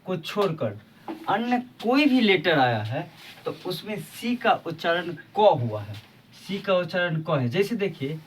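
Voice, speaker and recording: A man's voice: sits high, sing-song, measured pace, a bit bright, recorded from a distance, slight background noise. A man teaching English pronunciation rules on his video channel, patiently repeating each example and asking rhetorical questions. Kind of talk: explaining a lesson on his channel.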